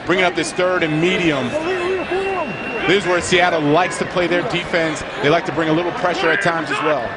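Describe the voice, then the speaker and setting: High-voiced male football announcer. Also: steady tone, fairly quick, a loud crowd. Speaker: American football commentator. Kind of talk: live sports commentary. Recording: very noisy broadcast clip.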